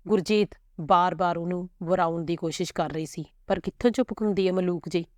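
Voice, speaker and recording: A woman narrating a family story in a steady, measured reading. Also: lowish voice, no echo, studio quality.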